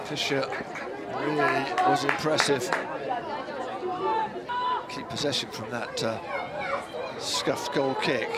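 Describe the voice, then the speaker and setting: A man's voice: mid-range voice, takes it slowly, long pauses. A man giving live football commentary in short, clipped descriptive phrases. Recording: loud crowd and outdoor stadium noise.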